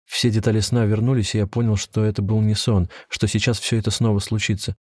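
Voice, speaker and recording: Audiobook narrator: man in his 20s, calm and measured, low voice, dead-dry sound. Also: no echo. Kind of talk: first-person audiobook narration.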